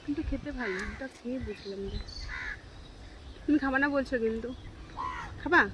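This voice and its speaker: A woman's voice: on the high side, moderate pace, highs cut off. A young woman, chatting directly to viewers in a casual vlog while out on sunny streets. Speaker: vlogger. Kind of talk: casual outdoor vlog chat. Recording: noisy outdoor phone recording.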